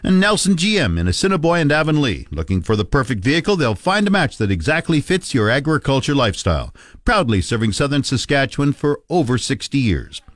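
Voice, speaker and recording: A man's voice: medium pitch, very animated, fairly quick, a bit bright, dry recording. A man hosting a radio farm report, reading scripted markets and news at a close studio mic. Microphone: close studio microphone.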